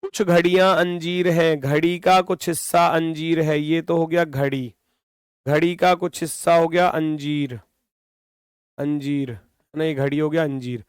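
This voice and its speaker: High-voiced Indian man teaching reasoning. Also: steady tone, measured pace, clean tone, no echo, clean studio sound. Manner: scolding, repetitive explaining. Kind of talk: online reasoning class.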